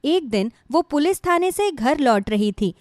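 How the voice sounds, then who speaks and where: A woman narrating a scripted bedtime moral story in an even, measured storytelling manner. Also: high voice, no echo, studio quality.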